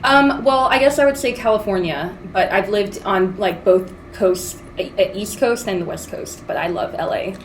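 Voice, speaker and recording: A woman's voice: mid-range voice, moderate pace, hardly any pauses, a little hiss or hum, rough recording. A young woman, a podcast guest, chatting casually and animatedly, with many "like" fillers. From Singapore, then US and Hong Kong. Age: young adult. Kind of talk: casual chat.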